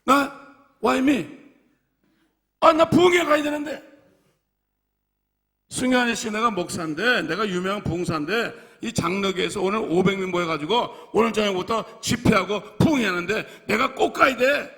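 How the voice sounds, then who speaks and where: A man's voice: high-pitched, fairly quick, hardly any pauses, bright, forceful tone. A man voicing a self-important preacher in a story, pleading and indignant. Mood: outraged.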